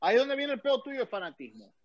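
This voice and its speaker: A man's voice: very high voice, big pitch swings, fast talker, lo-fi sound, a loud crowd. A man arguing crudely and pushily in a casual podcast debate, talking over the others. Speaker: podcast co-host.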